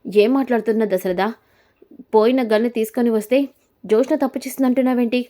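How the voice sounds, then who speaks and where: A woman's voice: a little high, fast, warm tone, lightly acted. A woman voicing a proud old grandfather who scolds his granddaughter. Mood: angry.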